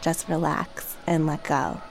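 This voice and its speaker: Meditation narrator: female, fairly low register with noticeable creak, soothing, unhurried and gentle delivery over background music. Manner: calm, gentle, measured. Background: relaxation track with music, dolphin and water sounds.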